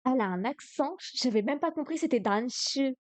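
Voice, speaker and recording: A woman's voice: sits high, animated, a little fast, no echo. A woman streaming a live study session, thinking aloud hesitantly with many fillers. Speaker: streamer learning Chinese.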